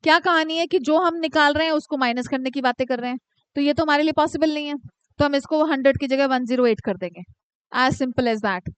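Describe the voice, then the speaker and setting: A woman teaching commerce to a class, dictating questions slowly and teasing students by name. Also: sits high, no room sound. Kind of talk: live classroom lecture.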